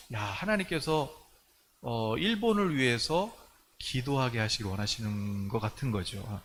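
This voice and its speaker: A man's voice: mid-range voice, pushed and bright. A man preaching a sermon as pastor, recounting a dream and acting out the voices in it. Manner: storytelling, acting out his own dream with rising urgency. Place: church sanctuary. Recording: faint background noise in a church.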